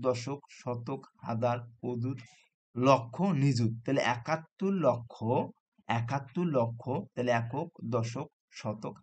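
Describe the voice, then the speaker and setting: A male math teacher, giving a classroom lesson. He counts out place values slowly and keeps asking whether the students follow. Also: medium pitch. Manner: patient, repeats "হ্যাঁ?" to check students follow.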